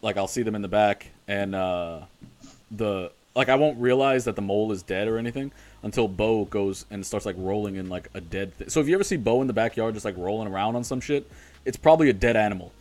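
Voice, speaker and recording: A man's voice: on the low side, brisk, darkish tone. Profane, rambling male podcast co-host. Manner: rambling, profane, laughs a lot. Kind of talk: casual podcast chat.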